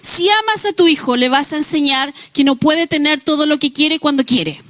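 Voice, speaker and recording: A woman's voice: high voice, expressive, moderate pace, fairly bright tone, no echo. A woman pastor preaching a sermon, illustrating points with everyday examples and acted-out quotes.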